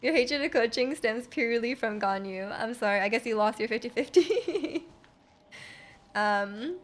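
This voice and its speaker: While playing a game on a live stream, a woman chats casually with her viewers, giggly and hesitant, rambling and repeating herself. Her fairly high voice has lively intonation at a moderate pace, picked up by a close streaming mic.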